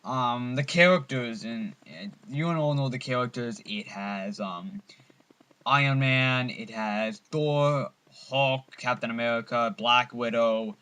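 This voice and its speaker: A man with a bright, forceful voice talks through a movie review in a loose, unscripted way. He stumbles and restarts often, filling the gaps with ums while staying eager about the film. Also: medium pitch, slow pace, clear, resonant tone. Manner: rambling, full of ums and restarts; enthusiastic fan. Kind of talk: casual spoken film review.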